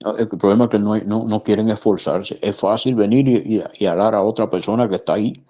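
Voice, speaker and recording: A man's voice: fairly low pitch, fairly even intonation, a little fast, warm tone, dull audio. A man, a pastor, telling a story in conversation in an earnest, emphatic way. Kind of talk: preaching in conversation.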